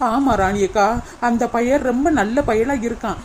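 Outspoken village woman, voiced by a woman, high and mellow, blunt and pushy. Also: moderate pace, a little hiss or hum, lightly acted. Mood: urging. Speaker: cartoon voice. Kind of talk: cartoon comedy dialogue.

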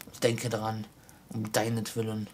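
A man's voice: on the low side, monotone, normal speed, a little mellow, a little hiss or hum, natural voice. A man voicing a mournful chained ghost. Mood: solemn, mournful. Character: ghost of an old male miser, grave, sorrowful, bound in chains.

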